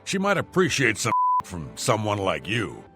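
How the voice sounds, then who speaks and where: A man's voice: fairly low pitch, huge pitch swings, normal speed, music in the background. A man voicing a chatty, forward townsman in a fantasy game, in scripted dialogue.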